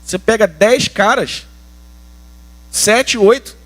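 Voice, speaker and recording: A man's voice: high voice, takes it slowly. A Brazilian man preaching a sermon as pastor, colloquial and emphatic, with slangy asides. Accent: Brazilian Portuguese.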